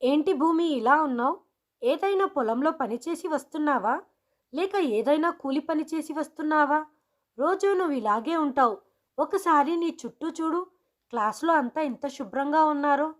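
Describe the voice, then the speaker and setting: A strict female schoolteacher barks one harsh question after another in a high, pushed voice, as a woman storyteller puts her on. The tone is scolding and severe. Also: expressive, normal speed.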